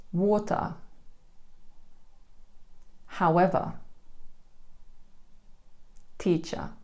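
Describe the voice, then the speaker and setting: A woman with a British accent teaching English pronunciation, saying words slowly and carefully for learners to repeat. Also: fairly low pitch, a little mellow. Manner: slow, careful, demonstrating words one by one. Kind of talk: pronunciation lesson.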